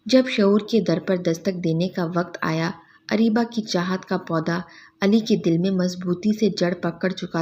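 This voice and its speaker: A woman reading a sad story aloud in a soft, even, sorrowful narration. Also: lowish voice, vocal fry.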